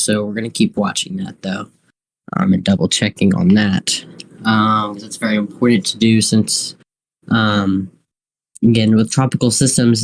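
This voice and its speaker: A man with a mid-pitched voice hosts live weather coverage. He speaks off the cuff and haltingly, often circling back over the same phrases as he thinks aloud. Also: darkish tone, poor audio. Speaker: live weather stream host. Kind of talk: unscripted live weather commentary.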